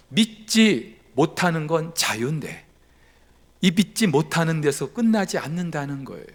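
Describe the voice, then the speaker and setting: A male pastor preaching a Sunday sermon in a church sanctuary, animated, swinging from loud emphasis down to a near whisper. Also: fairly high pitch. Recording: reverberant church hall.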